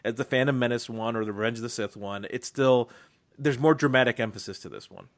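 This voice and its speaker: A man's voice: mid-range voice, quick pace. Chatty man co-hosting a film podcast. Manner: animated, quoting film lines, many restarts. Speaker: podcast co-host. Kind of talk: casual film discussion.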